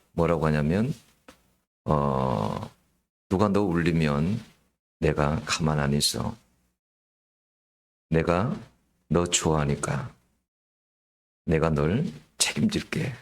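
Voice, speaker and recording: A man with a lowish voice preaches a Sunday sermon in a church. He retells scripture in an easy, conversational way, tossing rhetorical questions at the congregation. He keeps calling out to the listeners directly. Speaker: pastor. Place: church sanctuary during Sunday worship.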